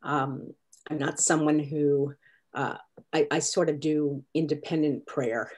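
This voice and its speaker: A woman casually introducing herself in an online class, hesitant and halting as she explains. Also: sits low, steady tone, darkish tone. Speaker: class participant. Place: online video meeting.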